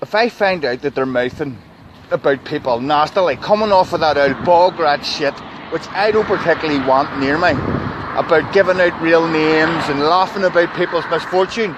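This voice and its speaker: A man's voice: fairly high pitch, normal speed. A man in his thirties ranting profanely and heatedly to his followers in a rambling livestream outdoors. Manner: profane, heated and rambling, with repeated asides and restarts. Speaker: page admin addressing followers. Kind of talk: angry livestream rant. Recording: loud outdoor background noise.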